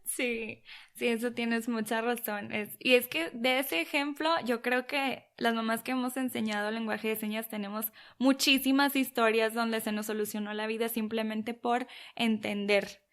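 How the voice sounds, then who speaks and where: A woman's voice: fairly high pitch, fairly even intonation, moderate pace, a bit bright. A Mexican woman hosting a podcast, chatting with her guest in an agreeable, enthusiastic way. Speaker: podcast host. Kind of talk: casual interview chat.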